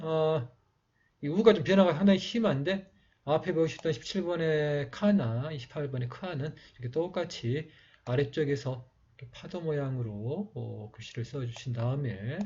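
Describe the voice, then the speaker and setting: A man slowly explaining how to write letters in a lesson, pausing often with fillers. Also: mid-range voice, warm tone, breathy edge. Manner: slow, halting explanation with many fillers. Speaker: teacher. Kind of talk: calligraphy writing lesson. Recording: dull lo-fi recording.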